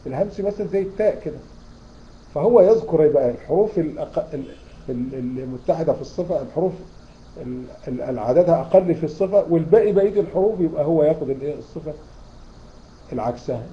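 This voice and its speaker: An Egyptian-accented man with a fairly high voice teaches tajweed as a Quran recitation teacher in an online lecture. He quizzes his students and keeps repeating key terms. The audio is dull, with slight background noise.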